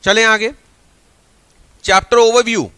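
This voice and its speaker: Bright high-voiced teacher. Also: male voice, measured pace, clear, resonant tone, dry recording. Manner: energetic, mixes Hindi with English phrases. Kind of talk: online exam-prep lecture.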